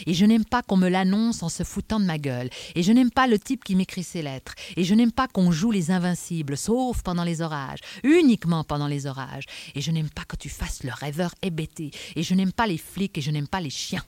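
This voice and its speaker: A woman reading aloud, voicing an irritable male police inspector who speaks in a forceful, emphatic, scolding way. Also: on the low side, lively intonation, fairly quick, hardly any pauses, no room sound, voice pushed up, natural voice. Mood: irritated.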